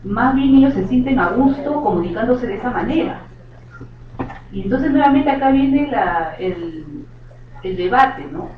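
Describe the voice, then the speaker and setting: A woman's voice: medium pitch, slight background noise. Peruvian woman speaking in an echoey hall. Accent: Peruvian Spanish. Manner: measured, explanatory, with pauses and restarts. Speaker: seminar speaker. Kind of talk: answering questions at a seminar. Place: university auditorium. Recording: distant, echoey auditorium, muffled sound.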